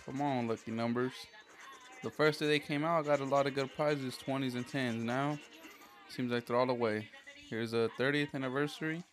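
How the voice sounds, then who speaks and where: A man's voice: medium pitch, steady tone, moderate pace, faint music behind. A man giving casual, slangy, slightly impatient commentary in a home video. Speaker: vlogger filming lottery scratching.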